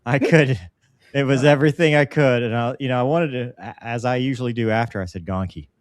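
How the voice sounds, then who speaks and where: A man co-hosting a casual chat show, teasing with dry humor and halting restarts. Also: mid-range voice, dry recording. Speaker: co-host.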